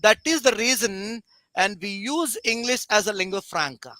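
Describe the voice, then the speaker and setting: A man from Andhra Pradesh with a Telugu Indian accent, a native Telugu speaker, explaining things in an interview in halting, deliberate phrases. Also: high-pitched, lively intonation, bright, forceful tone, dry recording. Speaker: interview guest, foundation committee member.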